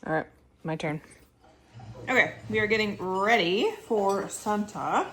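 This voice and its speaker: A woman's voice: medium pitch, measured pace, pushed and bright. A woman chatting casually in a home vlog, describing food and drinks to the camera. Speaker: vlogger. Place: home indoors.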